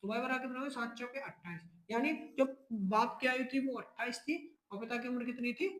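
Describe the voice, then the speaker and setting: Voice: mid-range voice, fairly even intonation, fairly quick, a bit bright, low-quality recording. A math teacher giving a step-by-step exam lesson, speaking to the students as children, restating each step and checking in often. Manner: addresses students as children, keeps checking in with "ठीक है".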